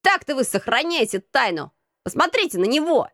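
A woman reading an audiobook, voicing a bossy crippled street boy who leads a gang and barks gruff commands. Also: sits high, very animated, moderate pace, fairly bright tone, no room sound, clean studio sound, voice pushed up, full character voice. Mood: angry. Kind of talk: audiobook character voice.

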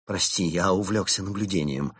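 A man's voice: sits low, normal speed, a bit bright, breathy edge, dry recording, clean studio sound. A man voicing an anxious, impatient young male animal with an urgent, raised voice.

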